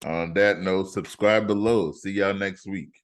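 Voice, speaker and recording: A man's voice: deep voice, steady tone, measured pace. A man hosting a podcast, teasing his co-hosts in playful banter. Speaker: podcast host. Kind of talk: casual chat.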